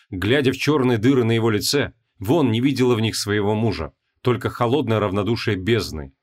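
A man narrating a fantasy audiobook with an expressive, dramatic reading. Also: medium pitch.

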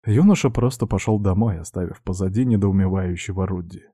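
Low, mellow male audiobook narrator. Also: fairly quick, slightly rough, no room sound, clean studio sound.

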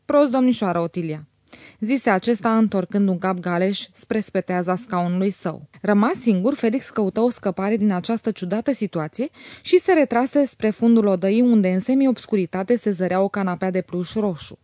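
A woman narrating a classic novel as an audiobook, in a measured, even reading on a close mic. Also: mid-range voice, dry recording.

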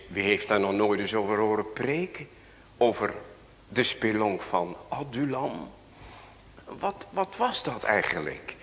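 Dutch male pastor, measured sermon delivery, long church reverb. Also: lowish voice, fairly bright tone. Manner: reads scripture aloud, asks the congregation questions.

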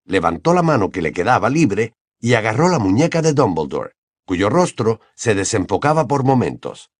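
A man narrating an audiobook in an expressive, dramatic reading. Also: lowish voice, moderate pace, no room sound, clean studio sound. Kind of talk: scripted narration.

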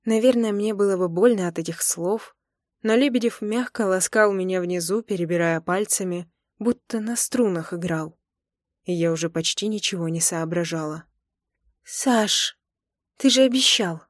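A woman narrates a first-person romance audiobook. Her voice sits a little low, and her reading is intimate and expressive. The sound is dry and close, with no room around it. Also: normal speed, no echo.

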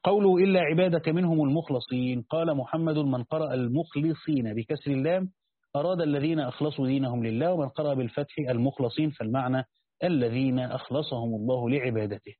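A man with an Egyptian Arabic accent teaches a classical Quran commentary, reading the text aloud, explaining it, and posing and answering his own questions. He talks fast in a mid-range voice. The recording is dry, tinny, phone-like, and lo-fi.

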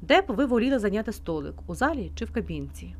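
A woman's voice: mid-range voice, big pitch swings, fast talker, a little mellow, a little hiss or hum. A woman reading an audiobook voices a courteous male restaurant owner in a fluster. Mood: polite. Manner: courteous, alarmed.

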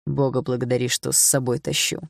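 A reader puts on a gruff, domineering older father who barks and hisses his commands at his grown son. The voice sits in a middle register and is recorded dry and close, with no room around it, as audiobook character voicing. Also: mid-range voice, little pitch movement, fairly quick, no echo, lightly acted. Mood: barking orders. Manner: barking, harsh, commanding. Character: rich older father, gruff, bullying criminal type.

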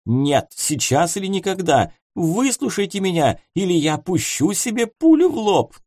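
Audiobook figure: a man doing a drunk ruined captain, slow theatrical pleading, raised swooping pitch, dry sound. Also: sing-song, a little mellow, no echo. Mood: melodramatic pleading. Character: drunk desperate ruined officer, middle-aged man. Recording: dry close studio sound.

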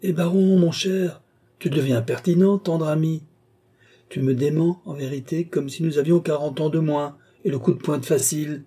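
A man's voice: fairly high pitch, fairly even intonation, moderate pace, warm tone, breathy edge, pitched above the performer's own voice. A man voicing an old, vain French duke who banters and dodges, his retorts rising in exasperation. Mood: exasperated. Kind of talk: audiobook character reading.

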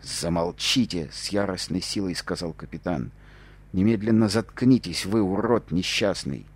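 A man voicing a cruel, mocking interrogating captain in an audiobook, with slow, drawn-out threats. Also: low voice, darkish tone, husky. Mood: furious.

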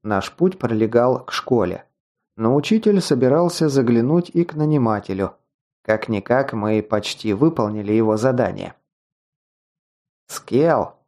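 A man of medium pitch narrates an audiobook from a script, telling the story in a measured, even way.

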